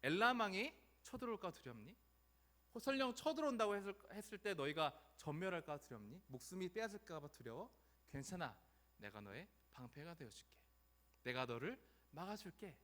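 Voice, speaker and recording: A man voicing a gentle male God who tenderly reassures a frightened follower, in a soft, soothing way. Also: high voice, very animated, brisk, pitched above the performer's own voice, heavily acted. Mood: reassuring.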